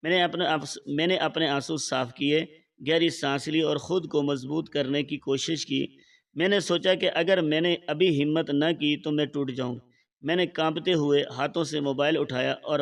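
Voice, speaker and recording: Male narrator for a scripted story, steady measured read, slightly high voice. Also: creaky. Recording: voice slightly far from the mic.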